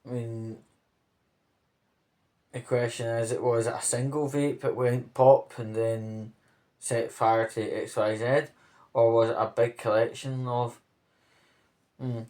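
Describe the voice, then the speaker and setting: Rambling through local news off the cuff, this man pauses mid-phrase and checks in with his listener. His voice is medium in pitch, mellow and level in tone.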